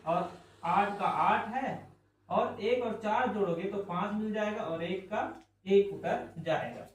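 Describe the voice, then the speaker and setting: Echoey far-off male teacher, high voice. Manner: repeats questions and answers them himself; drawn-out explaining. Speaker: reasoning teacher. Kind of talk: classroom lesson for exam students. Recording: very echoey room, voice far from the mic.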